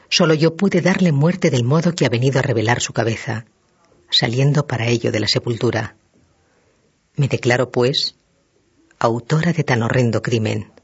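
A man reading the part of a desperate young widow who gravely confesses a crime. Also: mid-range voice. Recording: dull lo-fi recording.

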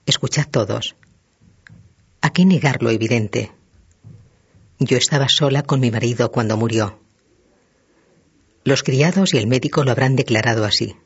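A grave, despairing young widow makes her confession, as a man reads her lines in his own husky voice. She speaks solemnly, with weight on each phrase. The recording sounds dull and lo-fi. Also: medium pitch, normal speed, long pauses.

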